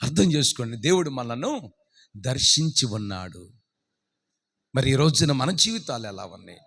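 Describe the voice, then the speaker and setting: A man preaching a fervent sermon as pastor, swinging between loud shouted exhortation and low storytelling, urging the congregation to say amen aloud. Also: very animated, normal speed.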